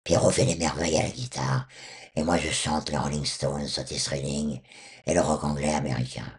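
An older man with a hoarse, honking duck-like voice, recounting his memories at a measured pace as a former singer. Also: a bass voice, fairly even intonation. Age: 60s or older. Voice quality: honking duck-like voice, hoarse and rough from removed vocal cords. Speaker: former rock singer, interview guest.

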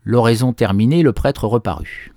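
A man's voice: mid-range voice, normal speed, vocal fry, warm tone, dry recording. Man telling a folk tale, dry sound. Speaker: storyteller.

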